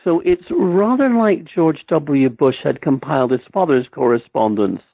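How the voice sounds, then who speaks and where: A man's voice: a little high, expressive, normal speed, vocal fry, husky, dry recording. A man with an Irish accent, a historian being interviewed on a podcast, who talks in a hesitant way with many ums and restarts. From Ireland. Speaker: guest historian. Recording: tinny phone-like line.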